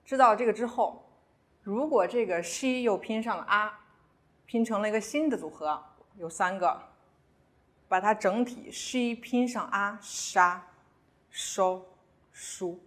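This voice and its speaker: Woman, pronunciation teacher, beginner lesson, careful, slow repeated examples, mid pitch. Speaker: language teacher.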